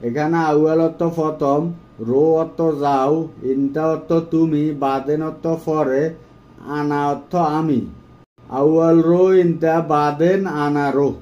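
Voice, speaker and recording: Slow, mellow-voiced man teaching phrases. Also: on the high side, fairly even intonation, muffled recording. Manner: slow, measured, repeating each phrase. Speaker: language teacher. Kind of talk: phrase-by-phrase language lesson.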